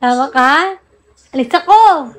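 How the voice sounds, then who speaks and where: A woman livestreaming casually, cooing and teasing a sleepy pet in a soft, playful way. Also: sits high, lively intonation, unhurried, poor audio.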